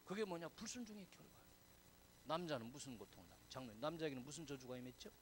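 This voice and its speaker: A male pastor giving a chatty, conversational sermon, quizzing and teasing his congregation, dropping to a whisper and then swelling loud for emphasis. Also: fairly high pitch, expressive, quick pace, a little hiss or hum, rough recording.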